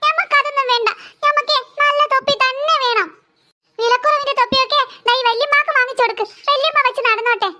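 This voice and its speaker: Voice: extremely high pitch, quick pace, bright, forceful tone, exaggerated voice. A performer voicing a stubborn little boy who demands a cap, whiny and pleading, with a Malabar Malayalam accent. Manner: whiny, pleading, wails when hurt.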